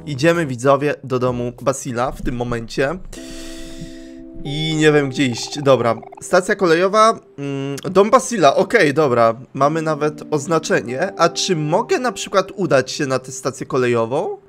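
Lively young man hosting a game playthrough. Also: a little high, normal speed, soft background music. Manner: lively and chatty, addresses viewers directly, reads game text aloud. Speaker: gaming channel host. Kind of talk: casual let's play commentary.

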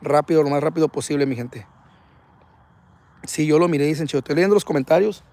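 A man hosting a live ghost-hunting stream outdoors at night, talking excitably in slang and reading viewer comments aloud. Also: on the high side, brisk, no echo. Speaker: paranormal livestream host.

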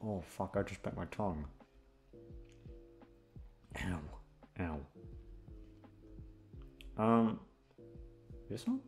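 A man's low, dark voice carries this casual outro from an audio roleplay creator. Rambling and scattered, he pokes fun at himself and swears freely while chatting to listeners over background music.

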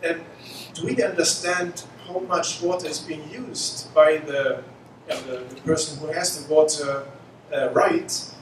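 Man, 40s, panel talk, halting, fillers, handheld mic, noisy echoey hall. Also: fairly high pitch, distant mic. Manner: halting, many fillers and restarts. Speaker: panelist, mission scientist. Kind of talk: conference panel remarks. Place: conference room, indoors.

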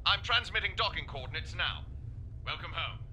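An actor playing a brisk male starbase officer giving efficient radio updates. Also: fairly high pitch, expressive, noisy background, close to an everyday voice.

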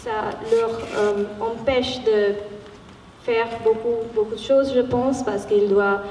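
A young woman with a foreign accent in French, not a native speaker, talking haltingly and searching for words on a panel. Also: fairly high pitch, steady tone, a little mellow. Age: young adult. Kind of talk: unscripted panel talk. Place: large warehouse hall with seated audience. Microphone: handheld microphone. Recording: echoey hall, distant, background noise.

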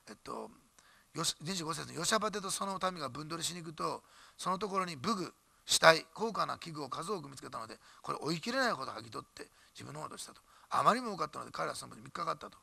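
A man delivers an animated, emphatic church sermon at a quick clip. His voice is bright and gravelly with a husky edge, and the recording is dry and close. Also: on the high side, no echo. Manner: animated, emphatic preaching with jokes and asides. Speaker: pastor.

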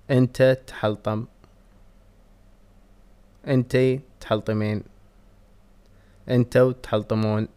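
A man with a Kuwaiti accent, reading Arabic verb conjugations and English translations slowly and deliberately in a language lesson. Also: lowish voice, darkish tone, clean tone. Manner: slow, deliberate word-by-word reading. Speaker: Arabic teacher. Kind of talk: reading vocabulary drills.

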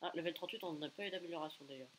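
A man giving excitable live gameplay commentary, taunting opponents and bursting into repeated exclamations. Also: fairly high pitch, racing, a little hiss or hum, low-quality recording. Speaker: gaming video creator.

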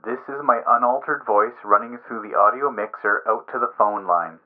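A man giving scripted narration for a product demonstration, in a clear, explanatory delivery. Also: fairly low pitch, normal speed, phone-quality sound.

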